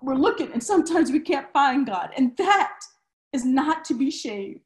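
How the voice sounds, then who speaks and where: A woman preacher delivers an Easter sermon in a high, bright-pitched voice. She swings between loud, fervent exclamations and hushed, drawn-out phrases. The sound carries an echo from a reverberant room. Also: lively intonation.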